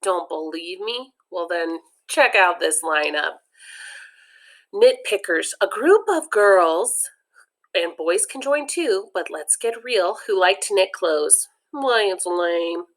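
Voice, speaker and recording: A woman reads a children's comic book aloud in a fairly low, expressive voice, slowly. Every so often she pauses the story to add chatty personal comments between passages.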